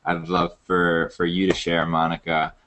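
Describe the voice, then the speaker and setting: A man's voice: low-pitched, completely flat delivery, moderate pace, a bit bright. A man hosting a casual online interview, talking with many fillers and restarts. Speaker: interview host.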